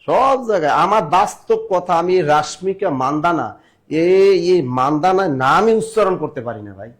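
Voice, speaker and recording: A man teaching grammar in a live online class, urging students to answer fast and joking between questions. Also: fairly high pitch, animated. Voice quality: sings snatches of songs in class.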